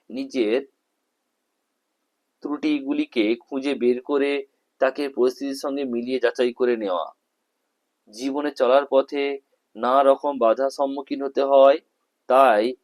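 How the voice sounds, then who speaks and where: A male tutor with a West Bengal Bengali accent reads exam answers aloud in slow, halting phrases, stressing each word as he lists them. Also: mid-range voice, a little mellow. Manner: slow, halting, breaks sentences into short phrases; lists words one by one with stress.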